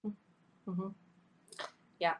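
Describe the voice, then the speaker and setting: A woman co-hosts a podcast, talking earnestly and candidly in conversation and often breaking into laughter. She speaks very slowly, and the recording is muffled.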